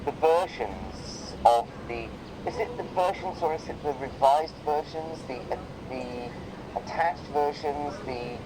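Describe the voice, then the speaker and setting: A man tutoring English one to one in a casual, explanatory way, softening his corrections with tentative phrasing. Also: on the high side, lively intonation, a little slow, noisy background. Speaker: English teacher correcting writing.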